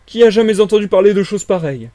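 Storybook role: gawking villager, high shouting excited voice, dry sound, read by a man. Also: quick pace, no echo. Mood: astonished. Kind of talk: audiobook character reading.

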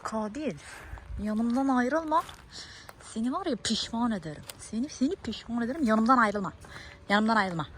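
A woman's voice: on the high side, expressive, moderate pace, a bit bright, slight background noise. A woman playing an exasperated young wife who vlogs and scolds her husband in a comedy sketch. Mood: annoyed.

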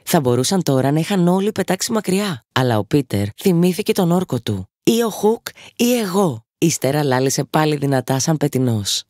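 A woman narrating a children's storybook with an expressive storytelling lilt, in a studio. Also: low-pitched, few pauses, no echo. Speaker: audiobook narrator.

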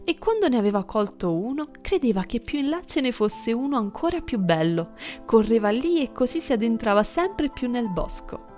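A woman's voice: fairly high pitch, very animated, moderate pace, a little mellow, faint music behind. Woman narrating a fairy tale.

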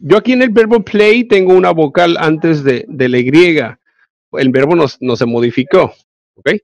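A man's voice: fairly high pitch, normal speed, creaky, darkish tone, dry recording, highs cut off. A male English teacher with a Mexican Spanish accent, giving an online class and explaining grammar step by step with frequent check-ins.

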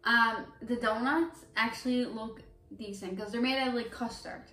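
A woman's voice: a little high, steady tone, normal speed, bright, forceful tone. A young woman hosting a casual vlog, chatting and reacting with squeamish disgust as she tastes candy. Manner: chatty, squeamish, laughs easily. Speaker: vlog host. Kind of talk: casual chat while taste-testing candy. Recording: roomy sound from a distant mic, faint music.

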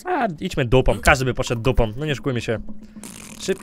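A man giving jokey let's-play commentary, goofing around with silly name twists and sudden loud outbursts. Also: mid-range voice, very animated, brisk, noisy background. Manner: goofy, jokey, mispronouncing names on purpose, bursts of loud outbursts. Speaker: gaming YouTuber.

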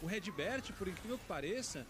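A man's voice: high-pitched, expressive, a little fast, crowd noise. A Brazilian man providing live analysis as an esports commentator.

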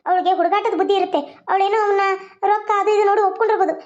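A woman's voice: extremely high pitch, steady tone, rapid-fire, a little mellow, highs cut off. A woman voicing an indignant young daughter-in-law in a cartoon, scolding. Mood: reproachful. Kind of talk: cartoon voice acting.

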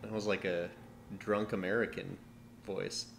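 A man's voice: deep voice, little pitch movement, unhurried, vocal fry. A man in his forties giving dry, wry advice while a friend plays a video game. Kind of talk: casual let's-play commentary. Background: game music.

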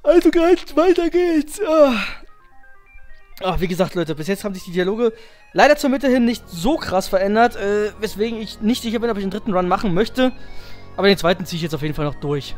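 Man, let's play host, high voice, slangy and loose, faint game music behind. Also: quick pace. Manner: loose, slangy, swears and mumbles to himself. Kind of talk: casual gameplay commentary.

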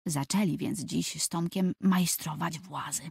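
A woman's voice: on the low side, steady tone, measured pace, gravelly, darkish tone, husky, dry recording. A woman narrating a children's book for an audiobook, telling the story expressively.

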